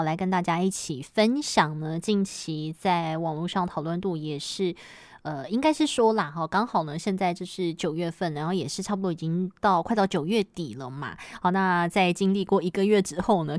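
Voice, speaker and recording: A woman's voice: fairly low pitch, dry recording, studio quality. A woman with a Taiwanese Mandarin accent presenting a radio programme in a chatty way, tagging her phrases with frequent particles and fillers. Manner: frequent sentence-final particles and filler tags. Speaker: radio host.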